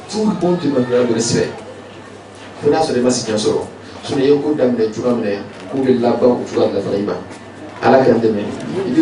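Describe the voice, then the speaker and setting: A man's voice: on the high side, dark tone. A man teaching tafsir in a zawiya, reciting Arabic verses and explaining them in French, asking his listeners questions. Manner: addresses listeners directly with rhetorical questions. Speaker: Islamic teacher giving tafsir. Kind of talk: sermon-style commentary on a text. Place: zawiya gathering hall. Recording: very echoey, from far off, faint background noise.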